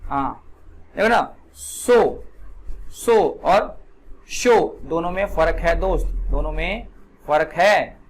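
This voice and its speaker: A man's voice: on the high side, animated, takes it slowly. A man teaching a spoken English class, keeps asking his students questions and repeating the answers back. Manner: repetitive call-and-response questioning. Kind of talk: classroom lesson.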